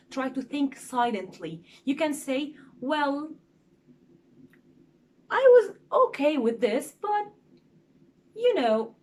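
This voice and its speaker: A young woman who speaks Egyptian Arabic as a first language, teaching presentation skills in English with a lively, demonstrative manner and many "okay?" fillers. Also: fairly high pitch.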